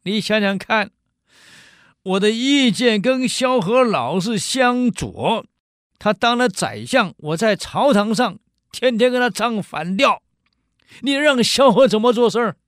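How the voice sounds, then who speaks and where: A wailing, grief-struck old statesman, as a man puts him on, stretching out each plea. The voice is raised above his usual and delivered loud and slow, with a dry close sound. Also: high voice, lively intonation, dry recording, voice pushed up. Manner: wailing, drawn-out, pleading. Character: grieving ancient male statesman, loyal and earnest.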